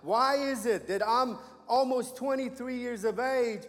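A man's voice: extremely high pitch, measured pace. A man from Iran, giving an emphatic church testimony as a guest missionary and calling the crowd to say amen. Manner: emphatic preacher, calls for amens. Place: church sanctuary. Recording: echoey sanctuary with faint music.

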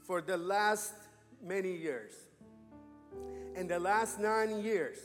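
A man from Iran, giving an emphatic church testimony as a guest missionary and calling the crowd to say amen. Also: high voice. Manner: emphatic preacher, calls for amens. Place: church sanctuary. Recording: echoey sanctuary with faint music.

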